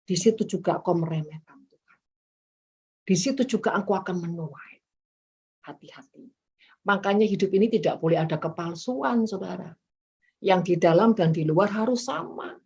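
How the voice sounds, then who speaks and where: A middle-aged woman evangelist, preaching a sermon in a lively way and acting out quoted voices as she speaks straight to her listeners. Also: mid-range voice, normal speed, vocal fry, long pauses, husky. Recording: dull muffled recording.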